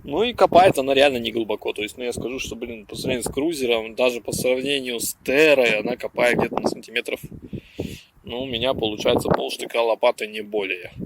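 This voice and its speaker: A man chatting excitedly and haltingly for a casual outdoor vlog, swearing in slang, with strong wind blowing on the mic. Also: medium pitch, vocal fry. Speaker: metal detecting vlogger. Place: outdoors in a windy open field.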